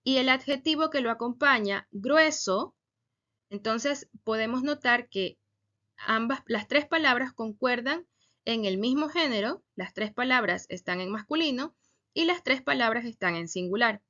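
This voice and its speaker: Woman teacher giving a slow, careful grammar lesson; bright, slightly high voice on a dull, lo-fi recording. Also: expressive. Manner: slow, deliberate, stresses example words. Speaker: Spanish teacher.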